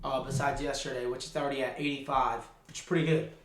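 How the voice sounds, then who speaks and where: A man's voice: medium pitch, flat delivery, quick pace, distant mic, faint music behind. A teenage boy co-hosting a casual podcast, rambling with lots of fillers and saying "bro" often. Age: teens. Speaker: podcast co-host. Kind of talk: casual chat. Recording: roomy echo, off-mic.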